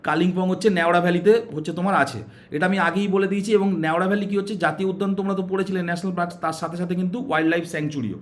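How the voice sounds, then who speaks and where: Quick, high-voiced coaching teacher man. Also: steady tone. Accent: West Bengal Bengali. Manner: asks questions and answers them himself, repeating "okay"; coaxing, uses story tricks to aid memory. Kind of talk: classroom-style exam prep lesson.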